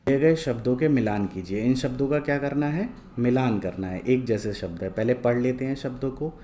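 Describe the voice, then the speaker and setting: A man teaching a lesson from worksheets, reading each word twice, slowly and clearly, and asking questions he then answers himself. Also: mid-range voice, dark tone, a little hiss or hum. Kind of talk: slow, patient lesson going through worksheets.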